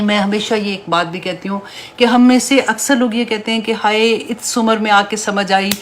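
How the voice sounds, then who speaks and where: A woman's voice: medium pitch, slight background noise. A woman teaching a Quran tafsir class, reading Arabic verses and explaining them in Urdu, with an encouraging tone that often checks with her students. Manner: warm, encouraging teaching tone with tag questions.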